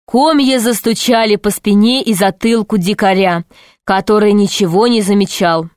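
A woman reading a children's adventure book aloud in measured, clear narration. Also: medium pitch, fairly even intonation, a little mellow, no room sound, clean studio sound. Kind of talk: scripted audiobook narration.

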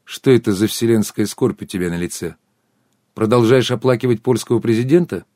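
A man's voice: mid-range voice, fairly quick, warm tone, no echo, studio quality, close to an everyday voice. A man voicing a cold, stern husband in an audiobook. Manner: cold and curt.

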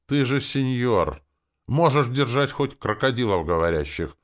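A man's voice: very deep voice, huge pitch swings, fairly quick, creaky, heavily acted. A man voicing an earnest young man who talks with assurance. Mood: confident. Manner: sure of himself.

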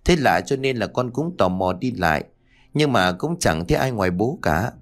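A man voicing an eager young boy explaining to his parents in an audio story, quick and chatty, pitched up from his own voice. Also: big pitch swings.

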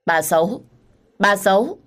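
A woman's voice: mid-range voice, lively intonation, unhurried, pitched above the performer's own voice, close to an everyday voice. A woman voicing a small toddler girl who wails tearfully in a storybook reading. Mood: wailing. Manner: wailing, tearful. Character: small toddler girl, crying for her parents.

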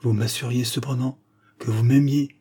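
A man's voice: medium pitch, fairly even intonation, normal speed, warm tone, breathy edge, voice pushed up, natural voice. A man reading the part of a passionate young male poet in an audiobook, exalted and pleading. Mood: impassioned.

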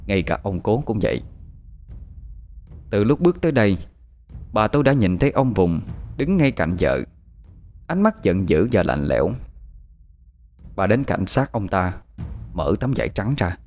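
A man narrating a story in a calm, measured scripted reading. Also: fairly low pitch, soft background music.

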